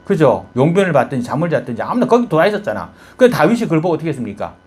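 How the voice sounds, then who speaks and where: A man's voice: on the high side, big pitch swings, rapid-fire, a little mellow, breathy edge. A male pastor with a Gyeongsang Korean accent telling a Bible story in his sermon, firing rhetorical questions at the congregation.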